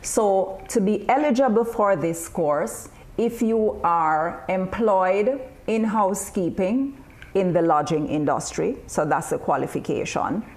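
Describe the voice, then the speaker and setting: A woman presenting a training webinar, explaining course costs in a measured, upbeat way. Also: medium pitch, lively intonation, darkish tone. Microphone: video call.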